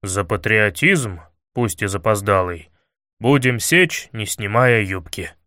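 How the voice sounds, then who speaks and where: A man doing a big, lovesick bogatyr hero for a spoken fairy tale, his voice dropped low and slow. He drags each word out on a heavy sigh. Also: expressive, sharp tone, no room sound, clean studio sound, heavily acted. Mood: gloomy. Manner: slow, heavy sighing delivery.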